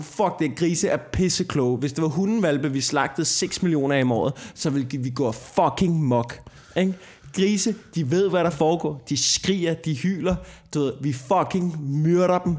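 A man co-hosting a podcast, ranting and swearing his way through a heated casual chat. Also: on the high side. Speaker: podcast co-host.

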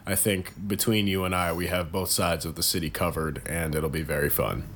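A man's voice: sits low, steady tone, fairly quick, fairly bright tone, a little hiss or hum. A man co-hosting a podcast in casual banter, laughing often, teasing and swearing freely. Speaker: podcast co-host.

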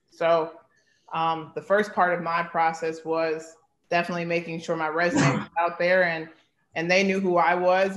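Speaking with a fairly low pitch in a roomy-sounding space, a woman in her thirties answers interview questions as a guest. She's a basketball head coach, and her replies are sincere and heartfelt, peppered with "like" and "you know."

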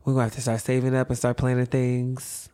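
A man in his late twenties co-hosting a casual podcast with his husband, playful and animated. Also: mid-range voice, fairly quick, clean tone, dry recording, studio quality. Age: 20s. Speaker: podcast co-host. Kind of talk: casual couple's podcast chat.

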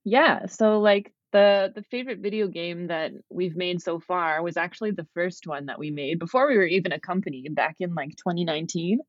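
A woman's voice: on the low side, moderate pace, few pauses, no echo, lo-fi sound. A young woman from Kanehsatake, chatting casually as an interview guest and laughing often, with many "like" fillers. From Kanehsatake, Quebec, Canada. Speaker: guest, game developer.

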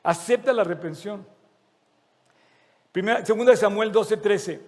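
A man's voice: high voice, measured pace, a little mellow. A man preaching a sermon. He speaks in an earnest, emphatic way and repeats his key phrases. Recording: long reverb of a large hall.

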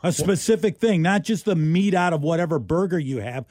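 A man co-hosts a morning radio show in a slightly high voice. He chats eagerly and keeps firing questions at listeners. The sound is dry and close, with no room echo. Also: fairly quick. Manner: chatty, animated questioning of listeners. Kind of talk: casual morning radio chat.

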